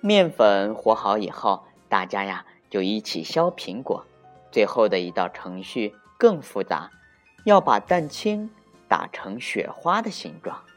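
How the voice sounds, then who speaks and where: A storyteller reading a children's picture book aloud in a slow, expressive way. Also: low-pitched.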